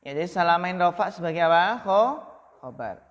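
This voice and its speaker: A man with an Indonesian accent teaching Arabic grammar to a class. He draws out Arabic phrases slowly, then fires quick questions at students by name. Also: high-pitched, lively intonation, long reverb tail, highs cut off. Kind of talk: classroom lesson, calling on students.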